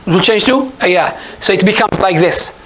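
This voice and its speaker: High-voiced man teaching an Arabic class. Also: fairly quick, a bit bright, slight background noise, poor audio. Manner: patient, repeats points and quizzes the class. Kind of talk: classroom lesson. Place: mosque classroom.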